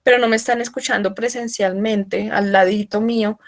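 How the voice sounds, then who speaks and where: A woman giving an online workshop, explaining loudly and often checking in with her listeners. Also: medium pitch, fairly even intonation, normal speed. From Colombia. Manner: explanatory, asks frequent check-in questions; speaking loudly for remote listeners. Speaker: workshop trainer. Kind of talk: online training talk.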